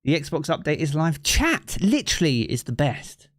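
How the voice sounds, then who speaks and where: A southeast England man with a local accent streams games from his living room, chatting casually, reading chat aloud, and musing with many fillers in an easygoing manner. His fairly high voice swings widely in pitch at normal speed; the dry, studio-quality recording comes from a streaming mic with effects.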